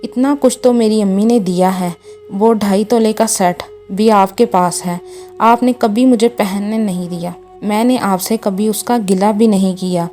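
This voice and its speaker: A woman's voice: medium pitch, warm tone, soft background music, close to an everyday voice. A woman voicing a young wife who pleads tearfully with her husband and mother-in-law. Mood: pleading.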